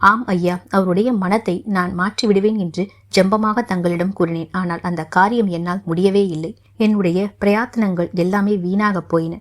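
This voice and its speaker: A woman's voice: medium pitch, steady tone, moderate pace, natural voice. A woman reading as a fearful young princess. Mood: anxious. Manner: soft, anxious, sorrowful.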